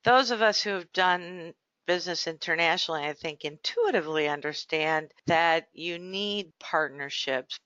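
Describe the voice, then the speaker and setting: A woman's voice: fairly low pitch, sharp tone, no echo, highs cut off. A woman hosting an interview podcast, speaking articulately and addressing her guest and listeners in a formal way. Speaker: podcast host. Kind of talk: scripted podcast introduction and interview.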